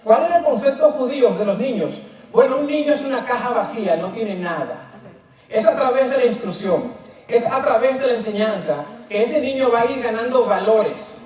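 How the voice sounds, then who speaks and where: A man's voice: very high-pitched, animated, normal speed, a little mellow. A man preaching a sermon, emphatic, putting rhetorical questions to the congregation. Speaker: pastor. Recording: very echoey church hall, mic at a distance.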